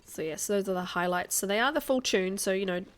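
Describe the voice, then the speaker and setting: A woman's voice: medium pitch, fairly quick, clear, resonant tone. Chatty woman with a mild New Zealand accent. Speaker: live game streamer. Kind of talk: casual livestream chat over gameplay.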